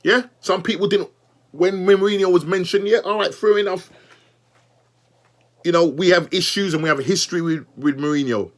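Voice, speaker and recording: A young man vents about his team in an exasperated, animated fan review. His voice sits a touch high for a man, and he repeats his points and talks straight at the manager. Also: normal speed. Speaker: football fan channel host. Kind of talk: fan match review rant.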